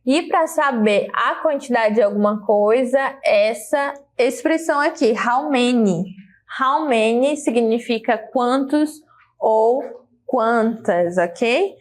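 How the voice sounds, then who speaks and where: A woman with a Brazilian Portuguese accent gives a patient, step-by-step grammar lesson in a fairly high voice. She keeps checking in with her students as she goes. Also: slow. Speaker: English teacher. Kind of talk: classroom lesson explaining grammar.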